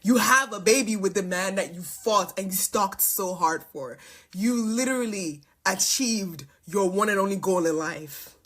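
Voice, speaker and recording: A woman's voice: mid-range voice, measured pace, fairly bright tone. A woman giving casual social media commentary in a catty, mocking and scornful manner.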